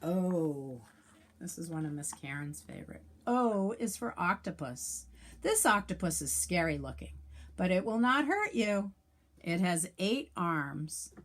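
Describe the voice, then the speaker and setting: A fairly low-pitched female teacher reads a children's alphabet picture book aloud at an unhurried pace, her intonation lively and sing-song. She enunciates each letter carefully for young children and sprinkles in chatty asides and questions for them.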